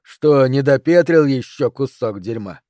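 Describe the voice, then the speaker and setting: A man reading an audiobook brings out a menacing male thug with two minds in one head. He snarls and sneers, rough and contemptuous. The sound is dry and close. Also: mid-range voice, lively intonation, unhurried, mellow, no room sound, natural voice.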